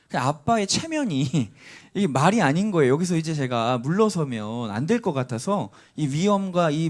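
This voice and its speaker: A man preaching in a church, his pitch rising and falling widely as he tells a story from home. He sits a little high for a man and acts out voices along the way. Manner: animated storytelling, acting out a child's cries. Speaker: pastor. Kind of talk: sermon with a personal story. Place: church sanctuary.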